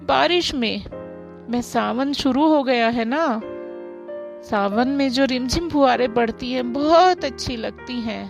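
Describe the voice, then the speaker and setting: Brief: woman playing frail storybook grandma, slow and quavering, high voice with some gravel, faint music behind. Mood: fond, wistful. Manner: slow, drawn-out, quavering old-woman delivery. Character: elderly grandmother with aching knees, fond and shy. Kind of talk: storybook voice acting.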